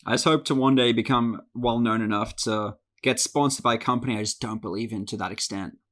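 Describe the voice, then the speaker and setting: A man's voice: medium pitch, fairly even intonation, fairly bright tone. Dry-witted male podcast co-host. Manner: dry, quick quips. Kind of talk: casual chat.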